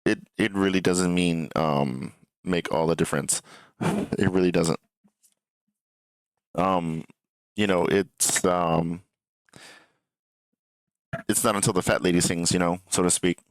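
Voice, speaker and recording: This man speaks in a low, steady voice at a slow pace, leaving long pauses, and the sound is smooth with no echo. He's a streamer reacting to gaming news, rambling casually in a hesitant, repetitive, meandering way and swearing offhandedly.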